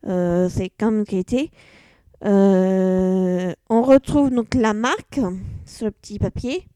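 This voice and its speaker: Lady vlogging, lots of euh and restarts, mellow higher voice, dry sound. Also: clear, resonant tone, no echo. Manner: hesitant, many fillers and restarts. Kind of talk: casual product review vlog.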